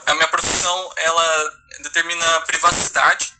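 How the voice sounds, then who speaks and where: A Brazilian lawyer in his thirties from Paraná, giving a personal testimony in a halting way, full of restarts. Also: on the high side, level tone. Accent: Brazilian Portuguese. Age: 30s. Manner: halting, many restarts and hesitations. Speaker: lawyer and guest speaker. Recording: noisy line with clicks.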